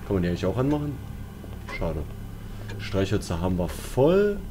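Over eerie horror game music and sound effects, a man with a low-pitched voice mutters slangy, casual commentary as he plays, a let's play streamer. He keeps a moderate pace with big swings in pitch, and the background is noisy.

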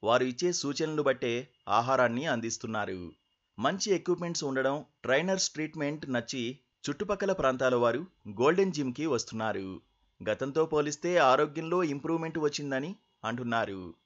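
Man, news voice-over, mid pitch, slightly dull sound. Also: animated, a little fast, a bit bright. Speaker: news narrator.

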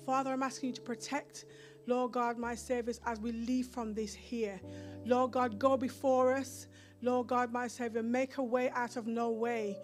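A woman's voice: fairly high pitch, little pitch movement, normal speed, faint music behind. A woman minister leading a fervent, repetitive closing prayer on a church stage, speaking into a handheld mic. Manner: fervent, repetitive praying, rising in intensity.

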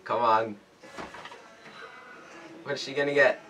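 A teenage male host giving casual, excitable commentary in short exclamations during a gaming challenge video. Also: medium pitch, slow, slight background noise. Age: teens. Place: small indoor room with cloth backdrop. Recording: distant mic, music behind.

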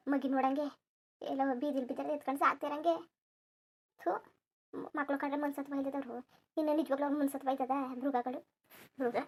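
A woman's voice: high-pitched, natural voice. A woman voicing a put-upon young village wife. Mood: indignant. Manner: complaining, rambling grievance monologue. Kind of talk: cartoon voice acting.

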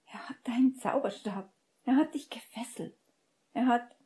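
A woman voicing a hurt, frightened young witch in a breathy, pained whisper, as whispered role-play. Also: a little high, moderate pace, mellow, pitched above the performer's own voice, natural voice. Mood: upset.

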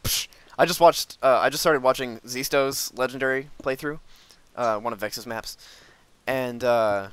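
A man's voice: medium pitch, unhurried, a bit bright, clean tone, no echo. A young man hosting a casual Minecraft video, rambling with lots of fillers and restarts as he shows off his build. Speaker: gaming video host.

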